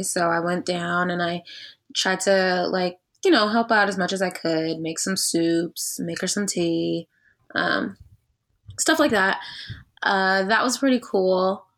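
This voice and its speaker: A young woman hosting a podcast in casual chat, upbeat and slangy. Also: medium pitch. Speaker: podcast host.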